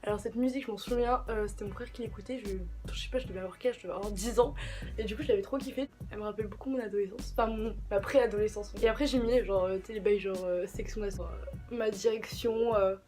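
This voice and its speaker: A woman's voice: medium pitch, steady tone, fast, music in the background. A young woman vlogger chatting casually about songs, with lots of slang and fillers. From of Portuguese descent. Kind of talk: casual chat.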